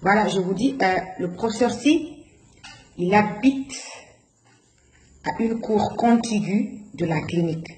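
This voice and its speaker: Animated woman. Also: medium pitch, a little slow, long pauses. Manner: animated, acts out the dialogue of others. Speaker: guest recounting a personal experience. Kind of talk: emotional first-person storytelling. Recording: roomy with faint background noise.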